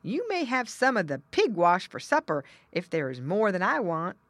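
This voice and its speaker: A woman voicing a coarse, boastful male pig who talks loudly and insistently in a storybook reading. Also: medium pitch, wildly swooping pitch, normal speed, no room sound. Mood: pushy. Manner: loud, hearty and insistent.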